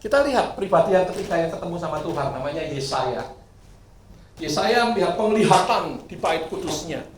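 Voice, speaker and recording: Animated preacher in an echoing church hall. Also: male voice, on the high side, brisk, slight background noise. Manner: lively, swings from loud bursts to quiet asides, sings briefly. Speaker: pastor. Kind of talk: sermon. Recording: echoey hall, mic at a distance.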